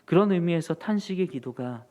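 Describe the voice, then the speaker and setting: A man preaching a sermon as a pastor, earnest and building to emphatic rises in pitch, in a church sanctuary. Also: lively intonation, a little fast, warm tone.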